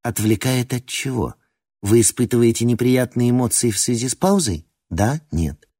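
A man reading an audiobook who voices a woman speaking in a cold, metallic, machine-like voice, with flat, clipped, mechanical questions. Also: medium pitch, moderate pace, husky. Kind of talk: audiobook narration.

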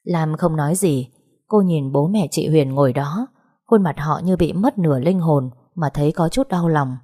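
Low-voiced woman narrating a novel. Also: moderate pace, husky. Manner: even, storytelling. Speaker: audiobook narrator.

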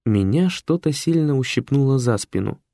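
A man reading an audiobook with lively, theatrical narration. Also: mid-range voice, normal speed, gravelly, no echo. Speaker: audiobook reader.

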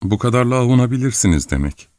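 A man's voice: medium pitch, expressive, fast talker, darkish tone, no room sound, pitched above the performer's own voice, close to an everyday voice. A teasing, coquettish young princess, as a male audiobook reader puts her on, lifting his voice well above his own. She mocks and toys with those around her. The reading is close and dry, with no room sound. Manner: mocking, coquettish.

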